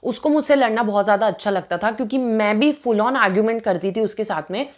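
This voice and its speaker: A woman's voice: mid-range voice, brisk. A woman in her twenties casually telling a personal story to camera, chatty and indignant, switching between Hindi and English mid-sentence.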